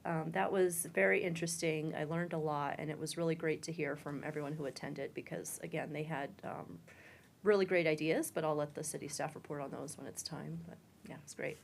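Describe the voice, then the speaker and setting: A woman's voice: low-pitched, fairly even intonation, brisk, creaky, slight background noise. A city councilwoman giving an upbeat, appreciative report at a council meeting, with occasional ums.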